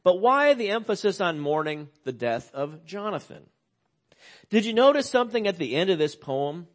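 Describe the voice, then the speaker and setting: An older man, a pastor, preaching a sermon and telling a story earnestly, dropping low and quiet on sad news and rising for emphasis. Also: very animated, moderate pace.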